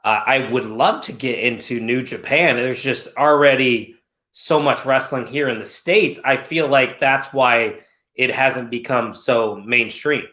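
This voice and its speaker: A man hosts a relaxed podcast conversation, clear and forward in tone. He shifts into a playful mock announcer delivery when he reveals winners. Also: medium pitch, unhurried. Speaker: podcast host. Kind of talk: casual podcast chat.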